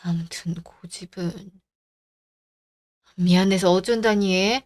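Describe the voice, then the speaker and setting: A woman playing a gentle, self-effacing older mother in a radio drama, soft and reassuring. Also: on the low side, steady tone, slow pace. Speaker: sick mother.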